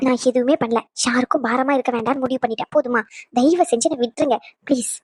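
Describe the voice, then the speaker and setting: A woman voicing a stubborn, angry young pregnant wife in a cartoon, sharp and defiant. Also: high-pitched, husky, no echo, studio quality. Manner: sharp, defiant, rapid retorts.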